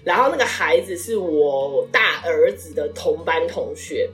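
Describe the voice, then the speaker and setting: A woman's voice: sits low, unhurried, far from the mic. A woman in her thirties tells a personal story in casual conversation, acting out the lines of the people in it. She sits a little away from the microphone. Faint background music plays under her voice. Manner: emotional storytelling, animated quoted speech. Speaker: guest.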